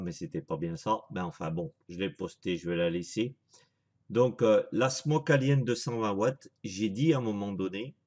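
A man's voice: low voice, darkish tone. A man in a casual home video review, chatty and apologetic, thinking aloud with lots of fillers as he shows products. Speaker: vaping vlogger.

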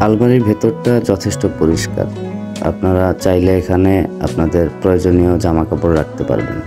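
Over music, a travel vlogger in his thirties talks a little fast in a low voice. He has a Bangladeshi accent and is explaining a hotel review to his viewers.

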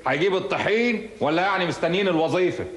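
An actor playing a stubborn, grumpy widowed village father with an Egyptian accent, talking gruffly and scolding. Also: sits high, racing, fairly bright tone. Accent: Egyptian Arabic. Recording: roomy with long reverb.

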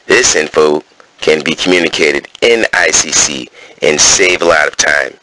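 In a wrestling gym, a man with a bass voice reads coaching points aloud at a measured pace, his tone sharp. He switches between terse read-out points and casual summaries packed with fillers. The recording is rough, with a little hiss or hum.

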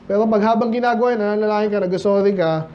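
A man's voice: high voice, very fast, highs cut off, slight background noise. A man with a Filipino accent preaching a midweek Bible-study sermon, chatting with the congregation and asking them "Amen?". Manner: acts out quoted voices of listeners. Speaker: pastor. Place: small church hall.

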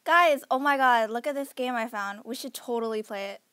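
Woman as very high, excitable teen girl. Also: a little fast, no room sound, clean studio sound, natural voice. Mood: eager. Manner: exclamatory, whiny. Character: excitable, stubborn, playful teenage girl gamer. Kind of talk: acted cartoon dialogue.

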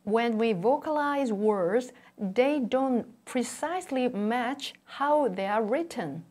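A middle-aged woman presents a scripted language lesson. Her voice sits fairly high and she speaks very slowly. She enunciates each item deliberately, as a teacher modelling pronunciation for learners. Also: expressive, a little mellow. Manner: slow, deliberate enunciation with repeated model words.

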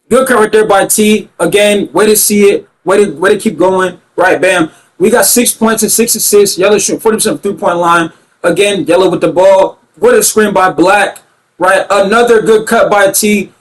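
A young man giving emphatic, ranting commentary on his own basketball video game play, repeating himself and getting loud at big plays. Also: sits high, poor audio. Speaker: gaming YouTuber commentating his own gameplay.

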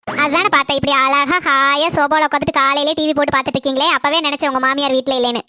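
Voicing a gossip-hungry cartoon neighbor, a woman with a Kanyakumari Tamil accent rattles off street news in a breathless, eager rush. Her high voice is flat in delivery yet bright and forceful, very fast, recorded studio-clean without echo.

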